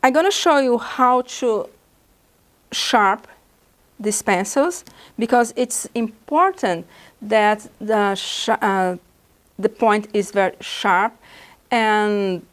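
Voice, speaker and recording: A Brazilian art instructor whose first language is Portuguese demonstrates drawing supplies in a beginner lesson. She speaks with a Brazilian Portuguese accent and a medium pitch, explaining patiently and haltingly with frequent pauses.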